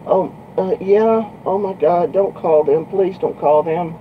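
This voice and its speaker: A man voicing a frightened, tearful young woman who pleads in a high voice, on a dull lo-fi recording. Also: a little slow, slight background noise. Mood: pleading.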